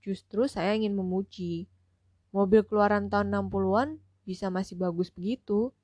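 A woman's voice: medium pitch, steady tone, moderate pace, darkish tone, no room sound, lightly acted. A woman voicing a polite, careful visitor who speaks hesitantly to an older lady. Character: polite nervous young narrator character.

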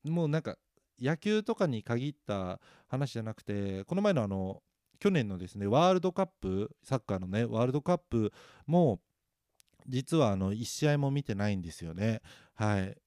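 A man's voice: medium pitch, sing-song, normal speed, a little mellow, dry recording, clean studio sound. A man chatting alone, self-mocking and rambling, with many fillers. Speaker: podcast host. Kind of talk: casual solo chat.

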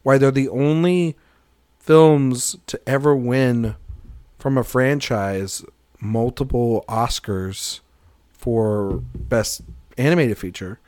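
A man's voice: medium pitch, slow, darkish tone, no echo, clean studio sound. A man co-hosting a film podcast, talking emphatically with enthusiastic, profane outbursts. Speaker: podcast co-host. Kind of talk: casual film discussion.

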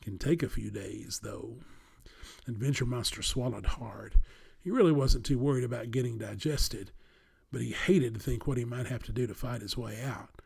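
A man reading a children's story aloud in a calm, even narration. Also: mid-range voice, moderate pace, gravelly, slightly rough.

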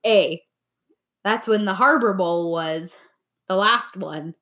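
A woman's voice: mid-range voice, slow, fairly bright tone. A young woman co-hosting a casual trivia chat, reading out playful answer choices and laughing at her own jokes. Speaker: podcast co-host, quiz asker.

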